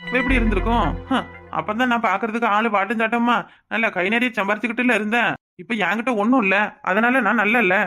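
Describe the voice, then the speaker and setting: A woman's voice: a little high, steady tone, fast talker, sharp tone, soft background music. A woman voicing a defensive, exasperated middle-aged village husband in a cartoon, with a Kanyakumari Tamil accent. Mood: bitter. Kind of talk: cartoon voice acting.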